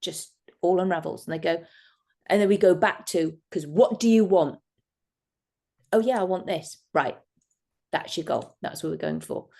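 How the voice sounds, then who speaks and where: A woman's voice: lowish voice, normal speed, creaky. A woman hypnotist talking casually to a workshop group, acting out people's reactions as she explains techniques. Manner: animated, acts out quoted reactions.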